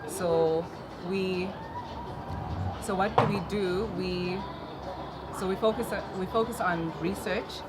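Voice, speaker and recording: A woman with a South African accent answering interview questions conversationally, often pausing to find her words. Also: fairly low pitch, fairly even intonation, rough recording. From Durban, South Africa. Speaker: interview guest, marketing and events businesswoman. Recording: music under the talk. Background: loud music.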